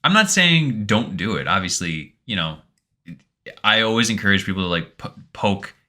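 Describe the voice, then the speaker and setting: Laid-back young guy on a podcast mic, kinda low voice but really bright and edgy, swears a bit. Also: big pitch swings, moderate pace. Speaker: podcast co-host. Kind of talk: casual chat.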